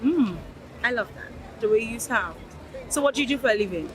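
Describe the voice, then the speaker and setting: A woman's voice: a little high, animated, brisk, a little hiss or hum. A woman interviewing guests at an outdoor fashion event, chatty and playful, on a handheld mic. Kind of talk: street vox-pop interview.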